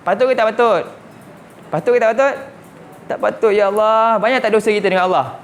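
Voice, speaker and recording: A man's voice: sits high, fairly quick, a little hiss or hum. Malaysian male teacher quizzing his class. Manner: fires repeated questions at students, mixing in English words. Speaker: religious teacher. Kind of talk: classroom Quran lesson. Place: mosque classroom.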